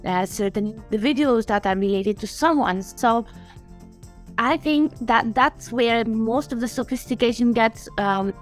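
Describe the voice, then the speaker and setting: Woman in her 30s, chatty and lively, kinda high voice, laughs a lot, video call. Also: a little slow, faint music behind. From Bulgaria. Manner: animated and chatty, laughs often. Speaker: guest, sanctions compliance specialist. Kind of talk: interview answers.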